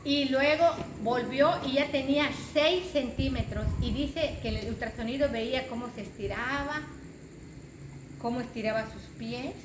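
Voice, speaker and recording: A woman's voice: sits high, normal speed. A woman preacher, giving an emphatic sermon and repeating phrases for stress. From Mexico. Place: church hall. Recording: echoey church room with background noise.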